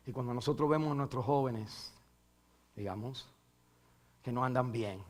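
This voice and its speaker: A man's voice: mid-range voice, moderate pace. A male pastor preaching a sermon and leading a closing prayer, impassioned, swinging from a raised voice down to a near whisper and dropping English words into Spanish.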